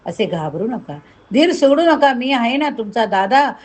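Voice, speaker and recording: A woman voicing a gentle young eldest brother who soothes his grieving siblings. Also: fairly high pitch, sing-song, unhurried. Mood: reassuring. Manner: soothing, reassuring.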